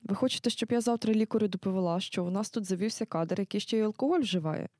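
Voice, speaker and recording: A woman playing a stern military-hospital nurse in an audio drama, firm and scolding yet caring. Her voice is mellow and dark in tone, recorded dry and close. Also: medium pitch, fast, no room sound, close to an everyday voice. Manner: firm, scolding, matter-of-fact. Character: strict night-shift nurse, commanding, caring.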